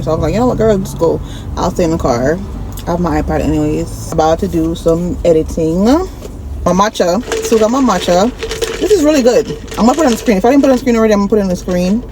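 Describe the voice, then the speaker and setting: A woman vlogger chatting casually and informally, addressing her viewers directly in slangy speech. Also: fairly low pitch. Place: partly inside a car. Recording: clear background noise, car ambience.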